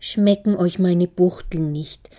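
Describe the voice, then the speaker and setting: A homely, placating mother, as a female narrator voices her, speaking slowly and soothingly. The reader keeps her own mellow, low tone. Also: fairly even intonation.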